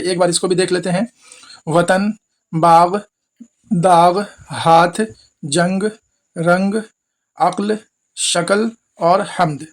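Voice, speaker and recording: A man teaching Urdu spelling who spells each word out letter by letter, asks his viewers questions and repeats every word. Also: high voice.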